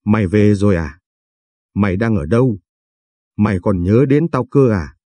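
A man voicing a brash, excitable young woman who fires off blunt questions in slangy talk. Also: fairly low pitch, dry recording. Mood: brusque. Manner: blunt, rapid-fire questions, crude slang.

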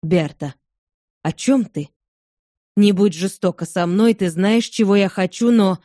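Shy young farmer in love, hesitant and slow, soft dark tone, read by a woman. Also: mid-range voice, no room sound, clean studio sound, natural voice. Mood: timid.

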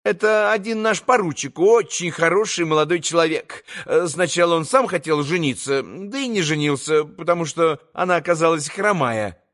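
A man's voice: a little high, expressive, moderate pace, few pauses, fairly bright tone. Man doing a fawning, giggling old landowner. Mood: rambling. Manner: servile, stammering, adds polite "-s" particle.

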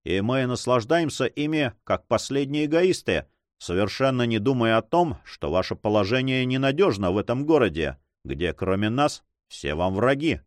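A man voicing a stern, fatherly count in an audiobook, speaking quietly but commandingly. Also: medium pitch, big pitch swings, normal speed, no echo, clean studio sound, lightly acted.

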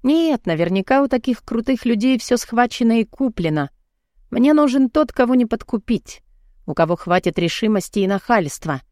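A woman's voice: lively intonation, moderate pace, a little mellow, no echo, clean studio sound. A woman narrating a first-person audiobook with tense, panicked delivery. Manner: tense, panicked, raising pitch in outbursts.

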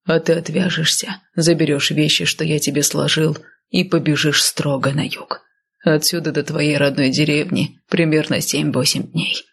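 A doomed, stubborn man speaking curtly through clenched teeth, as a woman narrator puts him on. The voice sits low and gravelly with a husky edge. He reads as a grim audiobook character, bound to death and unwilling to bend. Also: fairly even intonation, moderate pace, heavily acted.

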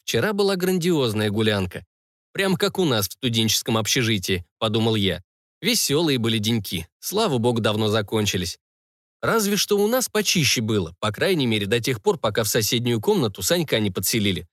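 Lively, ironic male audiobook narrator. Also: medium pitch, brisk, no echo, clean studio sound. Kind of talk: first-person audiobook narration.

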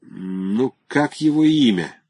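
A man's voice: mid-range voice, expressive, slow pace, warm tone, slightly rough, no room sound, voice pushed up. A man reading an audiobook, voicing an effusive, talkative former classmate who rambles through old memories. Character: chatty nostalgic former classmate, adult man. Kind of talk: audiobook character voice.

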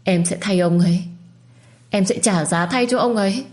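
A woman's voice: mid-range voice, moderate pace, darkish tone, pitched above the performer's own voice, close to an everyday voice. Woman voicing a pleading, tearful young wife.

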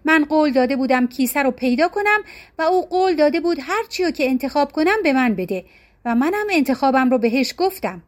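A woman's voice: high-pitched, lively intonation. A woman reading a shrewd village man. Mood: earnest. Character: shrewd male village man before the court.

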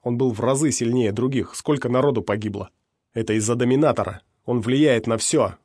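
A man voicing a furious scarred male mercenary, shouting defiantly at a crowd in an audiobook. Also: mid-range voice, a little fast, husky, no echo, clean studio sound, close to an everyday voice. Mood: intense.

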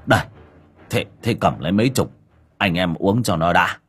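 A man voicing a stingy, hot-tempered old coal porter who shouts, curses and stammers. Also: deep voice, expressive, moderate pace, breathy edge, heavily acted. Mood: swaggering.

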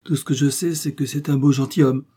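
Man voicing a cautious young groom for an audiobook; talkative but wary, mellow and a little husky. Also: mid-range voice, steady tone, fairly quick, pitched above the performer's own voice, natural voice. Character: wary young male stable hand.

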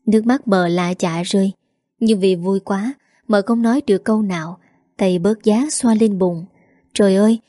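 A woman reading a story as a storyteller, in scripted narration with a steady, emotive delivery. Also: medium pitch, no echo, studio quality.

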